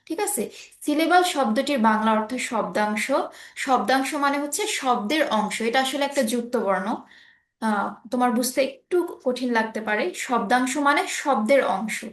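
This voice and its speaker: Patient high-voiced woman teacher, roomy sound. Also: lively intonation, normal speed. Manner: patient, often checking understanding. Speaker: English teacher. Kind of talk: online class explaining English grammar. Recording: roomy echo.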